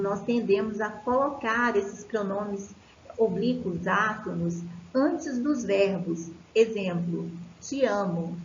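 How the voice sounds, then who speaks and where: A Brazilian woman teaching a recorded lesson, explaining slowly with many fillers and restarts. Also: mid-range voice, echoey room, highs cut off, a little hiss or hum. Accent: Brazilian Portuguese.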